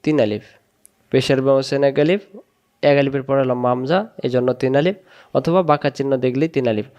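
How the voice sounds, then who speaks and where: A man teaching Quran reading, sounding out Arabic syllables one at a time and then joining them in a slow recitation lesson. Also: mid-range voice, steady tone, darkish tone.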